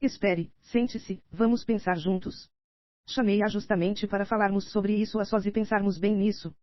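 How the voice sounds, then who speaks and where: A woman's voice: mid-range voice, steady tone, normal speed, dry recording, close to an everyday voice. A Brazilian woman voicing a scheming older nobleman in an audiobook, read steadily in her own voice, slightly dull and dry. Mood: pleading, insistent. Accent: Brazilian Portuguese.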